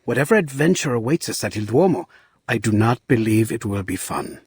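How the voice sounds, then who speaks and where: A man's voice: medium pitch, animated, a little fast, a little mellow, husky, no echo. A man voicing a courteous, protective Renaissance inventor in a game cutscene. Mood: gallant. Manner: gallant, sprinkles Italian address. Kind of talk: video game cutscene dub.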